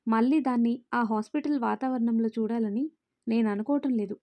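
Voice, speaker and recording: Earnest young woman, outspoken, pleading, woman reading, mellow voice, dry sound. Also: a little high, a little fast, dry recording, lightly acted. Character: young woman, a firm and caring caretaker of a little girl.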